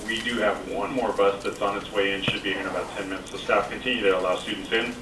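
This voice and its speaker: A man making a brisk, polite announcement to staff and students over a school intercom. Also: lowish voice, fairly even intonation. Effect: school intercom announcement over a loudspeaker. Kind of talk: public address announcement. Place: school classroom, heard through a ceiling speaker. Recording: echoey, distant loudspeaker with background noise.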